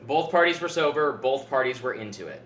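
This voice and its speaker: A man's voice: medium pitch, expressive, brisk, a bit bright. A man running a tabletop game as game master, narrating casually to the players. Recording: echoey room, faint noise.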